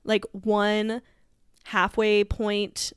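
A woman's voice: medium pitch, completely flat delivery, extremely slow, clean tone, no room sound, studio quality. A woman co-hosting a podcast in casual chat, talking with lots of fillers and laughs. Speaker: podcast co-host.

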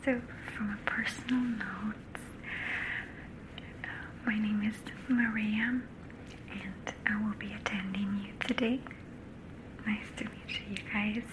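A woman whispering softly as a flight attendant in an ASMR roleplay, checking in gently with the listener. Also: mid-range voice, fairly even intonation, background noise. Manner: soft, slow whisper with frequent gentle check-ins.

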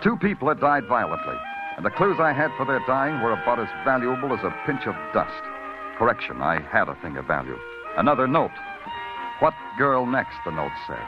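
An actor plays a terse, hard-boiled police detective narrating in 1940s radio drama style, grim in mood with a brooding, clipped delivery. His mid-range voice swings widely in pitch, is brisk, and is lightly acted. The old radio recording sounds dull and includes music.

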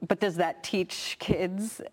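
A woman in her thirties hosting a parenting podcast in casual chat, animated and quick to act out her own frustrated parenting moments. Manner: animated, acts out her own yelling at her kids in high bursts. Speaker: podcast host.

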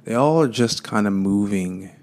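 A man's voice: lowish voice, expressive, normal speed, darkish tone. A man giving a casual, meandering spiritual talk, full of fillers and loose asides.

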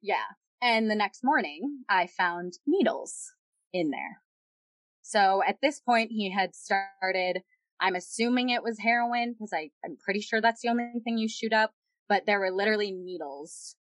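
A woman's voice: medium pitch, a little slow, fairly bright tone, no echo. A woman casually telling a personal story, rambling with lots of fillers. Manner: rambling, filler-heavy, many "like"s and "yada yada".

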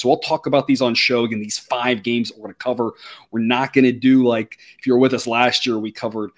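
Male host, rapid talker, mid-range pitch, explanatory sports-show delivery. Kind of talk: conversational sports show presenting.

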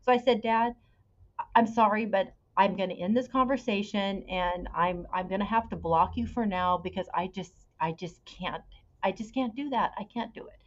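An earnest woman in her fifties tells her own story as a podcast guest. Her voice sits at a middle pitch and she searches for her words as she goes. The audio is a little dull and muffled. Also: moderate pace. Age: 50s. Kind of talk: personal storytelling.

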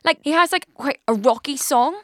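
Young woman rambling on her podcast, lots of likes and swearing, kinda high voice, dry studio mic. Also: expressive, normal speed, no echo. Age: 20s. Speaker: podcast host. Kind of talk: casual solo podcast chat.

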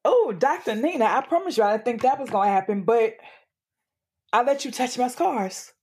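A woman's voice: fairly high pitch, animated, normal speed, a little mellow, slightly rough. A woman guest speaking earnestly, building to a preacherly cadence as she talks about faith. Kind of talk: candid faith-based interview talk.

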